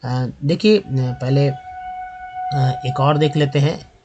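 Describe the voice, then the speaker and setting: A man giving a spoken lesson on reading English, explaining slowly with many fillers and repetitions. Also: medium pitch, muffled recording, music in the background. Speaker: English teacher.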